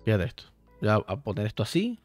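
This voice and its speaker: This male game streamer has a lowish voice that swings wildly in pitch, and he speaks fairly quickly. Playful and profane, he talks straight to chat in casual conversation while he plays, over faint background music in a dry recording.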